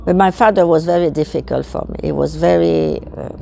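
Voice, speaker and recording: Appearing as a guest, a Belgian woman in her 80s whose first language is French recounts childhood memories in accented English. She talks a little fast in a low, dark, gravelly voice, groping for words and repeating herself.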